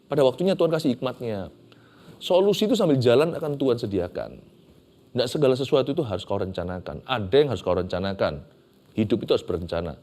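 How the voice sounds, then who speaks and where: A male pastor preaching an animated sermon, slipping English phrases into his talk. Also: mid-range voice, fast talker.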